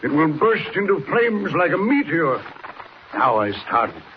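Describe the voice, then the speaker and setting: An actor playing a sinister, menacing professor with a deadly invention in a 1940s radio serial. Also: male voice, a little high, very animated, measured pace. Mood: gloating. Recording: noisy, muffled old radio recording.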